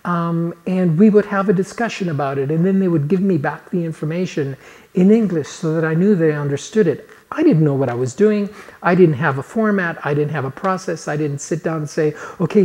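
His voice is fairly high with a darkish tone. The speaker, a personal coach in his fifties born in Chile, delivers an earnest motivational talk to camera from a couch in his living room, telling a personal story on a lapel mic and using his hands as he speaks.

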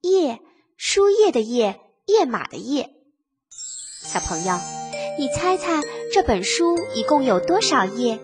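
A woman's voice: sits high, big pitch swings, slow, over music. A woman narrating a scripted lesson for small children, simply and in a singsong way as if reading to a toddler, repeating words for listeners to follow. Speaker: children's literacy teacher and narrator.

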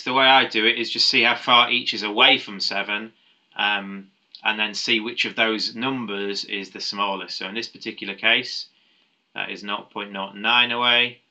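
A man's voice: lowish voice, moderate pace, bright, forceful tone. A man working through a maths challenge paper step by step, thinking aloud with frequent ums and small restarts. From United Kingdom. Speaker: maths tutor.

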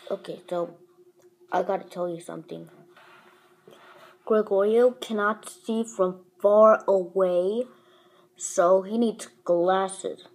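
A woman's voice: mid-range voice, fairly even intonation, slow, long pauses, a little mellow, poor audio. A woman chatting casually in a home vlog, talking while she eats breakfast. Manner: chatty, talks while eating. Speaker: vlogger.

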